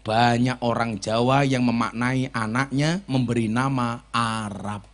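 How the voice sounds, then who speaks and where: A man with a Javanese accent preaches at an outdoor village religious gathering in a mid-range, steady voice at a measured pace. He jokes and teases the crowd, switching back and forth between Javanese and Indonesian.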